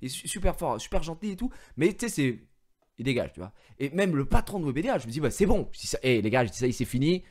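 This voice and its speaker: Man, streamer, expressive storytelling, fairly high voice, swooping pitch, headset mic. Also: fast talker. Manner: expressive, swings from mumbling to shouting, swears. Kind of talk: animated storytelling to viewers. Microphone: gaming headset.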